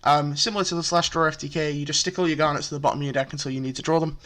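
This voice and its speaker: A man's voice: fairly high pitch, fairly even intonation, rapid-fire, a bit bright. Chatty man explaining a card deck. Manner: chatty, filler-heavy, explains step by step. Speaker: deck profile presenter. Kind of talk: casual card game explanation.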